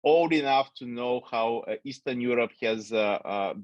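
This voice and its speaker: Halting man full of "uh" fillers. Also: mid-range voice, no room sound. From Bulgaria. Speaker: webinar moderator. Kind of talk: unscripted opening remarks. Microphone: video call. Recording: dull dry lo-fi webinar audio.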